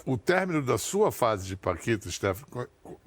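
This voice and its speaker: A man's voice: medium pitch, sing-song, normal speed. A man hosting a talk show, asking probing questions in a conversational way. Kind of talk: interviewing.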